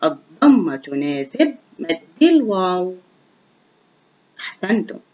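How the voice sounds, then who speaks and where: A woman teaches young children to read, sounding out each letter slowly and clearly. Her voice rises and falls a great deal as she praises and encourages them. The recording is dull and lo-fi. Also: fairly low pitch, big pitch swings, darkish tone. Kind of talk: online reading lesson for young children.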